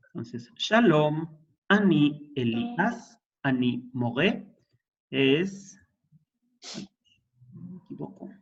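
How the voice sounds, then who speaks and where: Slow-spoken male Hebrew teacher. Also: a little high, highs cut off. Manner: patient, explanatory, checks in with students. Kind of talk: classroom lesson.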